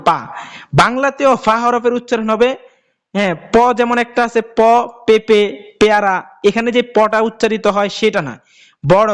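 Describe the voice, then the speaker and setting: A man with a high-pitched voice and a Bangladeshi Bengali accent teaches a Quran reading class. His voice is smooth and resonant as he explains each letter and stretches its name out slowly so it can be repeated. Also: a bit bright. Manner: drawn-out, repeated letter names for practice. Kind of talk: teaching Arabic letter pronunciation.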